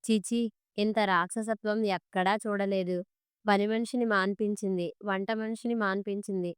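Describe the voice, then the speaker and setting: A woman's voice: medium pitch, steady tone, moderate pace, smooth, no echo, studio quality, close to an everyday voice. A woman voicing an indignant old milkman who speaks bitterly and scornfully.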